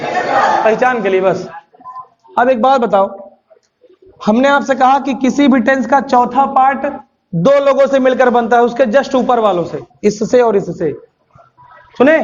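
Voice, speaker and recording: Pausing often at a moderate pace, a man with an extremely high-pitched voice gives a live lecture in class. This teacher drills his students, coaxes them, and scolds them to repeat aloud; the classroom recording is muffled, with steady background noise.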